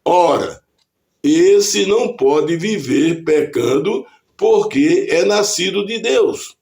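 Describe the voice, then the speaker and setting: A man with a Brazilian accent delivering a scripted devotional reflection as a preacher, reading scripture aloud in a deliberate, measured way. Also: high voice, expressive, gravelly, darkish tone. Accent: Brazilian Portuguese.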